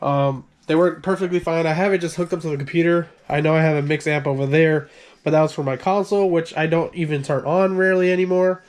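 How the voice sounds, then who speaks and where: Fast-talking and steady in tone, this gaming channel creator has a highish, slightly mellow voice. He's an adult with a son, rambling through a casual tour of his gaming room, correcting himself, apologizing, coughing occasionally and running short of breath.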